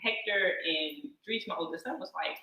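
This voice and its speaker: A woman hosts a relaxed chat and talks with bubbly enthusiasm, full of little fillers. Her voice is bright and clear. She sounds like she is on a video call from a room with a lot of echo. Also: fairly low pitch, normal speed. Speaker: host. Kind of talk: casual conversation.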